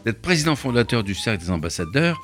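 A man hosting a radio interview, introducing his guest in a measured, ceremonious way. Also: medium pitch, very animated, fairly bright tone, faint music behind. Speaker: radio host.

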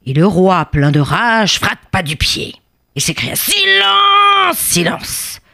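Expressive woman telling a children's story. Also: deep voice. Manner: expressive, drawn-out, playful.

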